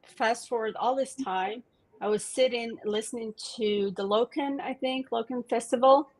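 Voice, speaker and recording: A woman's voice: fairly high pitch, moderate pace, low-quality recording. A woman from Morocco, a podcast guest eagerly telling a rambling story and laughing often. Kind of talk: casual interview chat.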